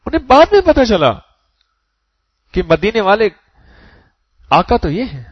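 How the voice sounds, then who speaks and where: A man preaching an Urdu sermon with emotive swings between loud emphasis and soft low asides, sometimes reciting verse in a sing-song cadence. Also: sing-song, slightly rough, no echo, highs cut off.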